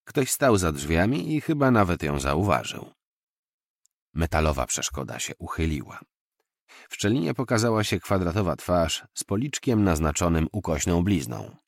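A man narrating a novel in an expressive, measured storytelling manner. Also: sits low, gravelly, dry recording, clean studio sound. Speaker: audiobook narrator. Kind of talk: novel reading.

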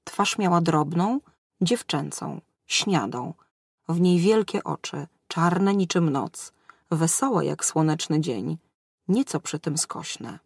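A woman narrating a fairy tale in a measured storytelling manner. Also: low voice, animated, creaky, husky, dry recording, clean studio sound.

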